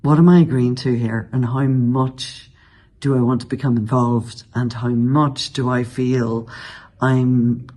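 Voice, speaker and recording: A man's voice: mid-range voice, steady tone, a little mellow. A man thoughtfully describing the uncertainty of joining a community project. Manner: thoughtful, measured. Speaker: film project participant.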